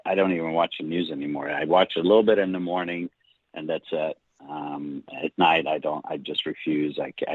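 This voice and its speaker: A middle-aged man from Hungary with a Hungarian accent, telling his story as a guest in a relaxed interview, halting with many restarts. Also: very deep voice, no room sound. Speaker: guest screenwriter. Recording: dry tinny phone-like line.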